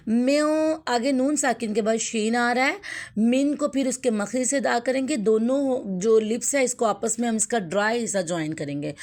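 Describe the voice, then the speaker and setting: A woman's voice: fairly high pitch, darkish tone. Patient woman teaching Quran recitation. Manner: explains patiently, then recites words slowly and drawn out. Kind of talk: tajweed lesson with slow recitation.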